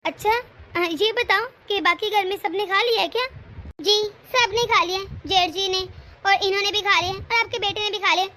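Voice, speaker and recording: A woman's voice: very high voice, moderate pace, bright, forceful tone, a little hiss or hum. A woman voicing a lazy, scheming younger daughter-in-law in a cartoon family drama, constantly grumbling and complaining.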